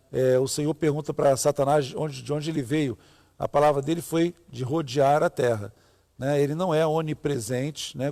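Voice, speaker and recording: Creaky-voiced Brazilian man, reverberant sound. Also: fairly high pitch, warm tone. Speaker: pastor, co-host. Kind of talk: informal Bible reading and commentary. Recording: long hall-like reverb.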